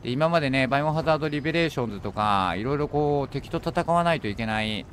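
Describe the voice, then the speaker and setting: A man streaming a horror game, thinking aloud as he plays and bursting into alarmed shouts when enemies appear. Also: mid-range voice, animated, fast talker, slight background noise. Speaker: gaming streamer. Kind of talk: horror game let's play commentary.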